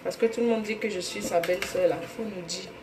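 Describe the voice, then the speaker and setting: A woman's voice: mid-range voice, fairly even intonation, fast talker. A woman with a Cameroonian French accent hosting a live cooking stream, chatting casually and greeting viewers by name from her home kitchen. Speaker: cooking livestream host. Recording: roomy echo, faint room noise.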